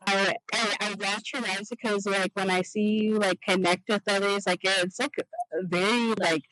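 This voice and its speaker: A woman's voice: medium pitch, fairly even intonation, a bit bright, dry recording, soft background music, poor audio. Rambling woman podcast host, dry sound. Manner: halting, heavy use of "like" fillers. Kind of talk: casual podcast chat.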